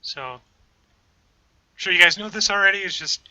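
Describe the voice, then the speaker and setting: Bright and forceful, with a high voice at a moderate pace, a young man chats with viewers during a casual gameplay livestream. He sits in his home room at a desk mic, rambling on about his play.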